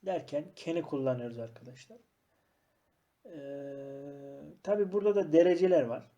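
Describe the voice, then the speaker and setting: A man teaching an English grammar lesson. He explains patiently, point by point, and reads the example sentences out slowly. His voice sits fairly high, with a soft, mellow tone. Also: highs cut off. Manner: explains step by step, often says "arkadaşlar". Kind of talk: recorded classroom lesson.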